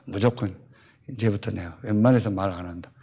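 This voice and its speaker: A man's voice: fairly low pitch, fairly quick, breathy edge. A pastor in his fifties telling a personal story in a sermon, acting out the back-and-forth of conversations in a blunt, colloquial way. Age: 50s. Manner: animated storytelling, acting out both sides of conversations.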